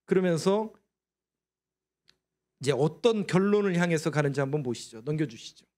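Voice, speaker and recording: A man's voice: fairly high pitch, expressive, moderate pace, a little mellow. A man preaching a sermon as pastor, putting questions to the congregation and answering them himself, and acting out prayers in a pleading voice. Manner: leads responsive scripture reading. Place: church sanctuary.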